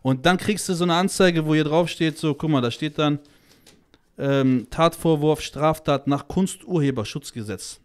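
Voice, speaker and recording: A man's voice: fairly high pitch, moderate pace, clear, resonant tone. A man speaking as a podcast guest in casual conversation, blunt and crude, full of slang and swearing, heated and emphatic. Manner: blunt and crude, heavy slang, swears, keeps saying "Alter". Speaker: guest, child-protection activist.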